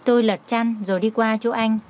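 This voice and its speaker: A woman narrating a first-person romance story in a steady, even storytelling manner. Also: a little high, a little fast.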